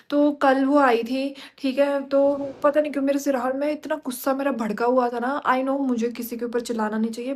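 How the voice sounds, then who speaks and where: A young woman vlogging casually from home, telling stories in a chatty, animated way. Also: sits high. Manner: chatty, animated storytelling with Hindi-English mixing. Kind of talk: casual chat.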